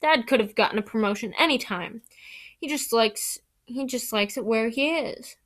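A woman's voice: a little high, normal speed, fairly bright tone, close to an everyday voice. Woman doing a touchy teen boy, indignant, defensive, storybook read-aloud. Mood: resentful. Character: hot-tempered teenage schoolboy, quick to bristle.

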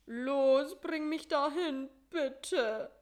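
A woman's voice: sits high, very slow, pitched above the performer's own voice. A woman doing a whiny, wailing spider. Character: whiny male cross spider with toothache.

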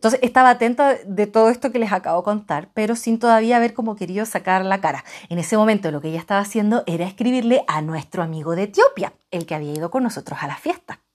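A woman from Chile with a Chilean accent, telling a personal travel story dramatically, jumping between loud outbursts and hushed asides. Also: medium pitch, fast, hardly any pauses. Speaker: travel vlogger.

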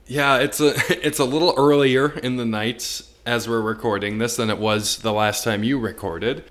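A man's voice: medium pitch, steady tone, normal speed, a bit bright. An American man co-hosting a podcast, chatting casually about sports. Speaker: podcast co-host.

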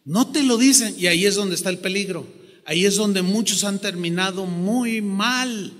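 A man with a Mexican Spanish accent preaching a sermon as pastor, animated, acting out the voices he quotes. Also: high-pitched, in a large hall.

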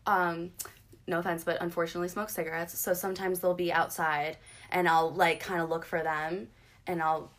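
A woman's voice: lowish voice, level tone, moderate pace, a bit bright. A woman chatting casually, rambling and self-deprecating, voicing her own thoughts as quotes. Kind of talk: casual chat.

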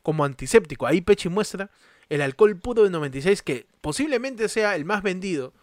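A young Peruvian man riffs through the week's political news in a high, bright voice. He rambles, drops casual swear words and keeps breaking into laughter. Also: lively intonation, brisk, no room sound, studio quality. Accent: Peruvian Spanish. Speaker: podcast host. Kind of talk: comic news chat.

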